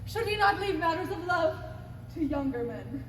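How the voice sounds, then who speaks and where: A woman's voice: extremely high pitch, animated, moderate pace. A woman playing a young son in love who defies his father, in a stage play performance. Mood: earnest. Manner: pleading then defiant. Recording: echoey theater stage from far off, noisy.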